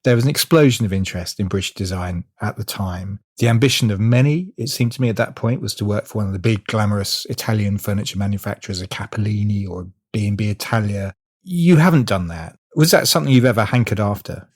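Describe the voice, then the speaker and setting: A man hosting an interview, asking long, measured, carefully framed questions. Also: fairly low pitch, darkish tone, no room sound, clean studio sound. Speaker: interview host.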